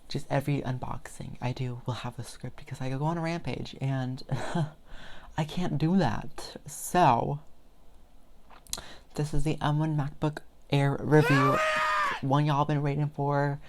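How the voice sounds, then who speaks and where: A woman's voice: low voice, steady tone, unhurried, a little hiss or hum. A young woman vlogger talking casually and rambling, chatty and self-deprecating. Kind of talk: casual rambling product vlog.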